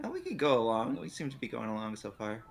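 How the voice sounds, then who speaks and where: A man's voice: medium pitch, huge pitch swings, fast, gravelly. A man casually co-streaming a video game, commenting and reading lines aloud.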